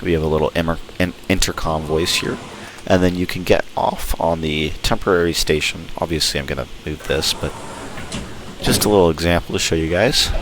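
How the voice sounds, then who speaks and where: A man's voice: low-pitched, fairly even intonation, a little fast. A man giving an enthusiastic, informal walkthrough commentary as host of a gameplay video. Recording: clear background noise.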